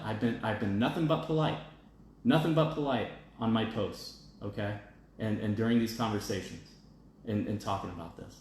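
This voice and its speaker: A man's voice: mid-range voice, a little hiss or hum. A man hosting an opinion show, giving a blunt, emphatic casual monologue and often checking in with "okay?" and "all right?", then reading out viewer comments. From United States. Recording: very echoey room.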